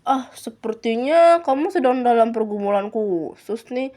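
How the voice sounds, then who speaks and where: A friendly young guide in a storybook speaks calmly and with an easy, joking manner, read by a woman. The voice stays relaxed and unhurried. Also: a little high. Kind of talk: storybook reading.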